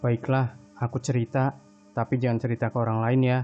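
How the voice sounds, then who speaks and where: A man's voice: medium pitch, flat delivery, brisk, muffled recording, soft background music, close to an everyday voice. Man reading as teasing young woman roommate. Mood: confiding. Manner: teasing, chatty. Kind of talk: storytelling character voice.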